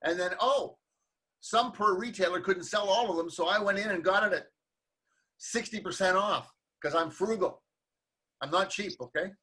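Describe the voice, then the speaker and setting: A man's voice: high voice, normal speed, pushed and bright, slightly rough, poor audio. A man hosting a conversational interview, talking earnestly and with humor about hard times. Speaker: interview host.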